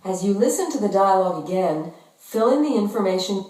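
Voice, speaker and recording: A woman narrating instructions for a language-course listening exercise in a measured, instructional way, heard from far off in an echoey room. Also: mid-range voice, animated, a little mellow.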